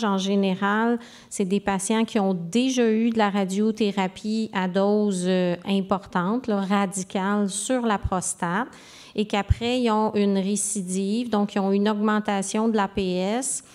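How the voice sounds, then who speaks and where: A woman's voice: medium pitch, darkish tone. A woman with a Québécois accent, a medical specialist giving an informal expert explanation to the public.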